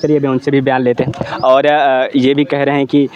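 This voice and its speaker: A male local news reporter asking questions in a field interview, filling pauses and prompting with quick acknowledgments. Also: mid-range voice, level tone, muffled recording, crowd noise.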